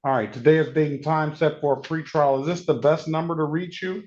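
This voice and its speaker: A man's voice: on the high side, steady tone, fairly quick, darkish tone. A man presiding as judge in a courtroom recording, calling cases and giving procedural instructions in a matter-of-fact way, repeating key points. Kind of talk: court proceedings, reading case calls. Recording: dull lo-fi courtroom audio with faint hiss.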